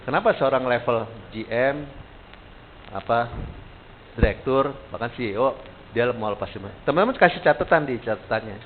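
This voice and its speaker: A man's voice: mid-range voice, moderate pace, pauses often. A man teaching a live sales training session, talking casually and putting questions to the audience. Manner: casual, animated, quizzes the audience. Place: training room. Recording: tinny lo-fi sound with faint hiss.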